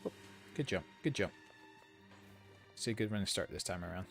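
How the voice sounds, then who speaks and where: A man's voice: deep voice, moderate pace, gravelly, a bit bright, faint music behind. A man streaming a video game, giving casual commentary with rambling, opinionated asides. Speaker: gaming streamer.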